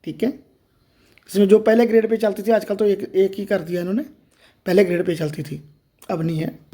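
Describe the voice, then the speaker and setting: Woman tutorial host with a mellow voice. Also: mid-range voice, steady tone, brisk. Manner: explanatory, addresses viewers directly. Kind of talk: step-by-step screen reader tutorial.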